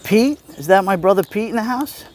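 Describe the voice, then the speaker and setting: A higher-pitched Brooklyn Italian-American man, expressive, brisk, and a little mellow, hosts a livestream while walking outdoors on a city street. He chats casually and replies to viewers. The recording carries outdoor street noise, including street ambience and passing vehicles.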